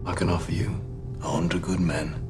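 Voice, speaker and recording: A man's voice: sits low, level tone, moderate pace, music in the background, lightly acted. A man playing a cold Birmingham gang boss. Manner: terse, level and controlled, clipped threats. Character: cold, composed Birmingham gang leader, young adult man.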